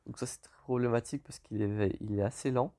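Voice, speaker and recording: A man's voice: mid-range voice, a little fast. A man with a French accent giving casual, hesitant commentary on his game, correcting himself as he goes. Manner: relaxed, lots of hesitations and self-corrections. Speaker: gaming YouTuber.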